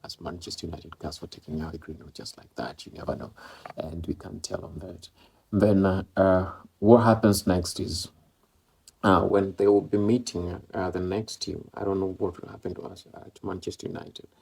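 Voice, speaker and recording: A deep, slightly mellow voice, gravelly and husky, with fairly even intonation and a moderate pace: this East African football vlogger chats about a match in English, his second language. His first language is Swahili or Maloko. He rambles, with lots of fillers and repeats.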